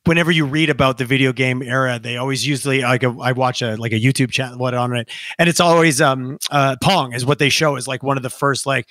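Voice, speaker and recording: A man's voice: mid-range voice, quick pace, few pauses, fairly bright tone, no room sound, clean studio sound. A man hosting a casual interview, chatty and laughing often, asking long rambling questions. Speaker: host.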